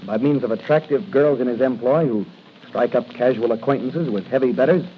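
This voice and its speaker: An actor with a mid-range voice plays a confident young policeman hero with a secret masked identity who fights crime, in a lightly acted 1940s radio style. He speaks fairly quickly, sounding confident and determined. The old recording is muffled and hissy.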